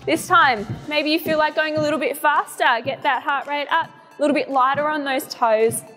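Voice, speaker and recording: Her high, somewhat bright voice moves a little fast with fairly even intonation as she cues and counts through a home workout. This young fitness instructor encourages listeners while demonstrating each movement, recorded in a reverberant room with background music.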